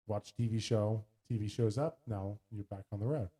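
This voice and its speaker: A man's voice: lowish voice, normal speed, breathy edge. A man co-hosting a podcast in casual, playful chat, putting on voices when he quotes things. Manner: playful, jokey, animated when quoting. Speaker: podcast co-host.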